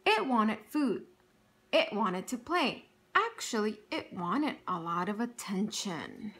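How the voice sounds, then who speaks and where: A woman teacher reads a picture book aloud to children, telling the story expressively and pausing to ask them questions. Her voice is mid-range and her pace slow, with a little hiss or hum in the recording.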